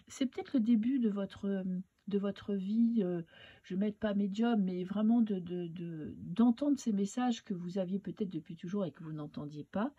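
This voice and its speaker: A woman giving a casual tarot reading in a halting, advising way, her voice weak and husky from swollen tonsils. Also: medium pitch, dark tone, highs cut off. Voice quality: husky, not very powerful. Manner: hesitant, halting, advising listener directly. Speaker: tarot reader and medium.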